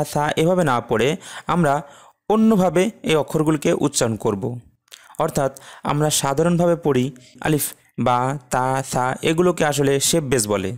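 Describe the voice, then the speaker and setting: Man teaching Arabic letters slowly. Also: a little high. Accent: Bangladeshi Bengali. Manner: slow, drawn-out letter pronunciations between plain explanation. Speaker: Quran recitation teacher. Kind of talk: explanatory lesson.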